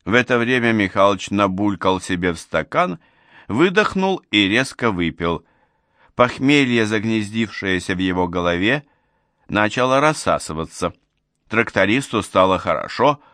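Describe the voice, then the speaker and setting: Lively bright-voiced male audiobook narrator. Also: lowish voice, normal speed, dry recording, studio quality. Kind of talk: scripted story narration.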